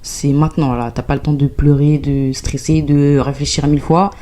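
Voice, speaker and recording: A young woman from France telling a travel story as a vlog, replaying her own panic in a high voice. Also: little pitch movement, normal speed, dark tone. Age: young adult. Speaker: vlogger.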